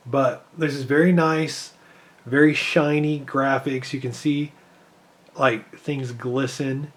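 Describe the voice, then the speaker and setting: A man's voice: medium pitch, steady tone, takes it slowly. A man losing his voice, giving casual rambling commentary while he benchmarks PC games. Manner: rambling, thinking aloud with fillers. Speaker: PC gaming benchmark creator.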